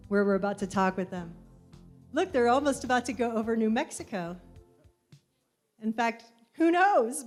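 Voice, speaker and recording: Woman doing casual live commentary, highish voice, faint music behind. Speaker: event presenter.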